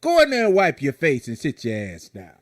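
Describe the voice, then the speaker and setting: A middle-aged man hosting a podcast, telling profane, animated stories in casual banter. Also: mid-range voice, fairly quick. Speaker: podcast host.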